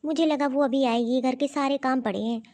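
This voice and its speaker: Speaking a little fast in a high pitch, a woman lightly acts the role of a mild, busy young daughter-in-law in an animated story. The character is bewildered and keeps talking to herself.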